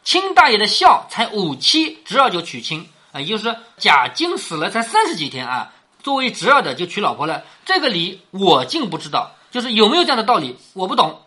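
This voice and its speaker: A man's voice: high voice, sharp tone. A man hosting a show that explains a classic novel, retelling scenes in a colloquial storytelling style and often asking the listener rhetorical questions.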